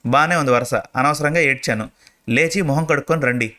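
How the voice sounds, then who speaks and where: Older housewife voiced by a man, fussing, scolding, slightly raised pitch, storybook reading. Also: a little fast, pushed and bright, natural voice. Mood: relieved. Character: devoted older housewife, fussy and emotional.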